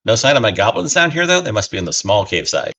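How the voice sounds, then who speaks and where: A man plays a tabletop game and chats casually. His voice sits a little low, and he talks in a playful, joking way. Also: very animated, quick pace, pushed and bright. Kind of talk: casual chat.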